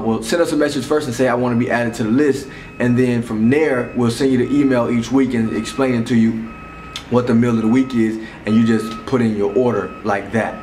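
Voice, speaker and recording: A man's voice: mid-range voice, a little mellow, distant mic, slight background noise. A young man casually explaining his meal prep service to camera, talking conversationally with many fillers and restarts. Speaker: meal prep business owner. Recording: roomy echo, voice a bit off-mic.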